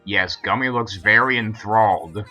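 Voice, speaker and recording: Low-voiced young man rambling commentary. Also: unhurried, sharp tone, soft background music. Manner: rambling, filler-heavy, chatty. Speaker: episode commentator. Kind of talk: casual video commentary.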